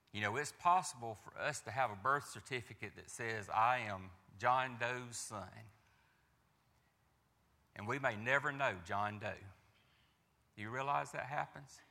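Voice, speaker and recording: A man with a Southern drawl tells his faith story in an earnest, halting way, circling back with repeated phrases and questions to his listeners. His voice is gravelly yet bright and pressing, and it carries a long hall reverb. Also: medium pitch. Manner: earnest, repetitive, with frequent restarts and rhetorical questions.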